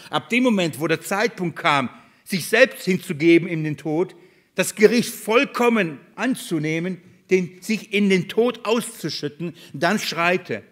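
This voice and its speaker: A man preaching a sermon to his congregation, asking questions and answering them himself, swinging between loud passages and hushed ones. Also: a little high.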